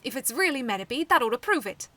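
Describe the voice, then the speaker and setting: A woman voicing a bold, sharp-tongued young girl who speaks loud and challenging, in a fanfiction read aloud. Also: fairly high pitch, sing-song, fast talker, no echo, voice pushed up, exaggerated voice.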